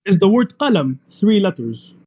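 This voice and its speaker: In an online debate, a young man who speaks Arabic as his first language keeps pressing one demand, his high voice very animated, a little mellow, and at normal speed. He's insistent and talks over the other speakers.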